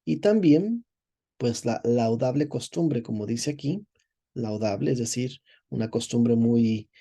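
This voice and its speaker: Male priest, mid-pitched warm voice, rambling teaching tone. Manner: digressive, repeats words while searching for phrasing; explanatory, asks "verdad?" to check with listeners. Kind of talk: lecture, reading and commenting on a text.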